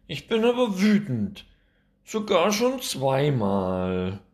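A man's voice: on the high side, wildly swooping pitch, slow pace, a little mellow, voice pushed up, heavily acted. Man doing a shrieking furious little girl. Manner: shrieking, screaming. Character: small furious young girl, stubborn and loud.

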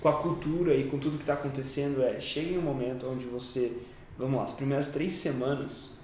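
Fast-talking man on a distant, echoey mic. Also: medium pitch, steady tone, darkish tone, slight background noise. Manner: slangy, interjects often. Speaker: podcast host. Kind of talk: casual podcast conversation.

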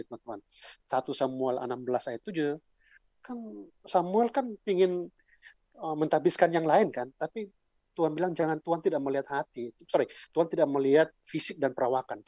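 A man's voice: a little high, darkish tone, husky, no echo. A male evangelist giving an informal, chatty sermon talk full of casual fillers, on a dull lo-fi recording. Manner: chatty, colloquial, frequent fillers.

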